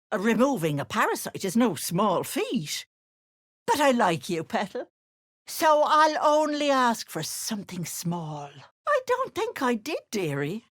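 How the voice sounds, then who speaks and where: A woman's voice: medium pitch, no echo, clean studio sound. A woman playing a sly, wicked old hag in a video game, posing as a sweet auntie, with cloying endearments laid over gloating menace. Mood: sly cajoling. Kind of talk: video game character voice acting.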